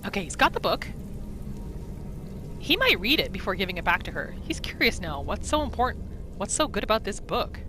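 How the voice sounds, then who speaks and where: Narrating her character's thoughts in the third person during a video game roleplay, this host speaks a little fast in a mid-range voice with big pitch swings and long pauses. Game music and background noise fill the recording.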